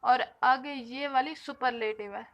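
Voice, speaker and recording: Woman, high voice, patient grammar teacher, drawn-out example words. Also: fairly even intonation, highs cut off. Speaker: English teacher. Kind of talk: grammar lesson explanation.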